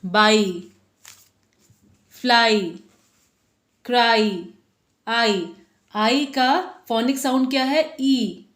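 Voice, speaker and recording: Slow patient woman teacher, echoey room. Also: fairly high pitch. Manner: patient, repeats each rule several times; mixes Hindi and English. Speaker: teacher and channel host. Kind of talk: phonics lesson for parents and kids.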